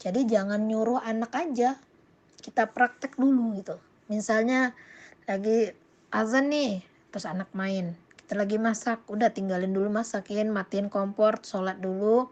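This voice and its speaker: A woman giving an informal Islamic parenting talk and answering viewer questions. She hesitates often, with many fillers and self-corrections, and grows animated when voicing examples. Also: mid-range voice, normal speed.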